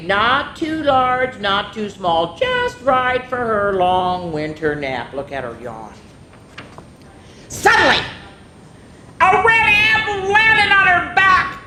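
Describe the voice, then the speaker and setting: An expressive woman hosts a children's story time, reading a picture book aloud with animation, drawing out words for the kids and adding casual asides. The recording comes from an echoey room with a faint rumble in the background.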